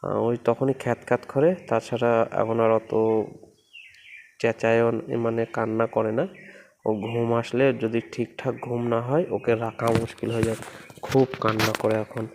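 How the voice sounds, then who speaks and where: A man with a mellow, slightly gravelly voice talks softly into a phone camera at home, narrating his baby's play in a relaxed, repetitive way. A faint room hiss sits under his voice. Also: mid-range voice, a little slow. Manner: gentle, repetitive running commentary, coos to the baby. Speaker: vlogger filming his baby. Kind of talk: casual vlog narration.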